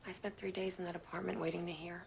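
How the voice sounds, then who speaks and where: A woman's voice: on the low side, little pitch movement, fast talker, vocal fry, very noisy. An actress playing a hurt woman confronting a former lover, pressing hard and often slipping into a whisper. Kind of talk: TV crime drama acting.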